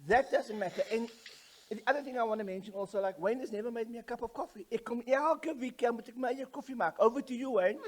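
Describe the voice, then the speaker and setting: A man's voice: very high voice, fast. A man with a Cape Town accent co-hosting a casual vodcast chat, joking and switching between English and Afrikaans. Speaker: co-host.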